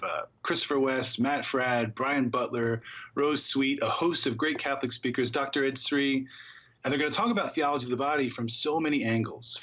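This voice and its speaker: A man with a slightly husky voice talks fluently and upbeat as a guest on a studio talk show. The sound is a little dull and lo-fi. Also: medium pitch, fairly bright tone. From Philadelphia area. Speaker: guest spokesperson. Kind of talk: TV studio interview.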